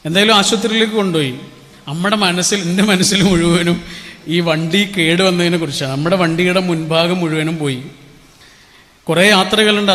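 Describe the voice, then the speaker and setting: High-voiced Malayali man telling stories. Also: a bit bright, long reverb tail. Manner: storytelling with rhetorical questions. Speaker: public speaker. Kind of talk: motivational speech.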